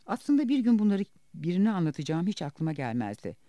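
A bitter, wounded woman cleaner tells her story quietly, voiced by a man reading an audiobook. The voice sits fairly high with a mellow tone, and the pitch moves a lot. The sound is dry and close. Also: very animated, brisk, dry recording. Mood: haunted.

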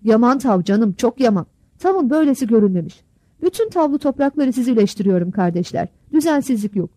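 A woman's voice: a little high, fairly quick, no echo, rough recording. A woman narrating a novel expressively as an audiobook. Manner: storytelling, expressive.

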